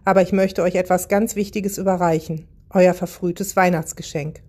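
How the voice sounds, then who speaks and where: A woman voicing a kindly, gentle Father Christmas in a storybook, speaking calmly and soothingly in her own mellow voice. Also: lowish voice, normal speed, breathy edge.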